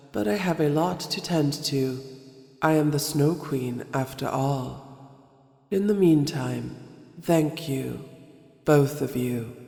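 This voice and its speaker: A woman playing a regal, ancient Snow Queen in an audio play, speaking in an imperious, measured manner. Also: deep voice, gravelly, warm tone, exaggerated voice. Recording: echoey reverb, music underneath.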